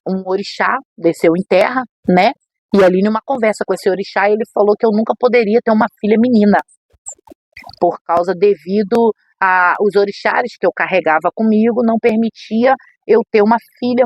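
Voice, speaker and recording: A middle-aged woman, a podcast guest and missionary preacher, telling an emotional personal testimony with animated storytelling. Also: medium pitch, dry recording. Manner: animated storytelling, acts out quoted voices.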